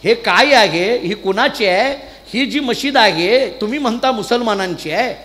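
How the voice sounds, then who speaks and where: A serene young saint replies softly and patiently in a high voice, voiced by a man retelling the tale. The words echo through a big hall with long reverb. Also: animated, a little slow, exaggerated voice. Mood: gentle. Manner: gentle, patient questioning. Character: calm gentle young male saint answering sweetly.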